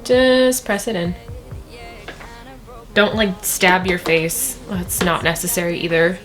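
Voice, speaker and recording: A woman's voice: on the low side, takes it slowly. A woman talking through a makeup tutorial in a chatty, casual way, often repeating words for emphasis, with faint music behind her. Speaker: beauty vlogger.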